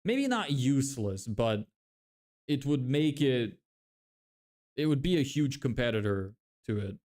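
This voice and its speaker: A young man whose first language is Lithuanian chats casually on a livestream, reading and answering the chat. His mid-range voice is sing-song, unhurried and darkish in tone, and he rambles with many fillers and restarts.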